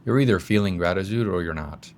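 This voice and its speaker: A man's voice: sits low, quick pace, darkish tone. A man speaking as a coach in a casual self-help talk, guiding the listener through exercises and swearing now and then.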